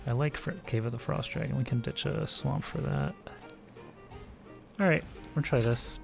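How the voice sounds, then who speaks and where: Guy streaming a card game, gravelly voice, mumbling card names to himself, bit of music in the back. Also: mid-range voice, moderate pace. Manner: thinks aloud, muttering card names. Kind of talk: casual gameplay commentary.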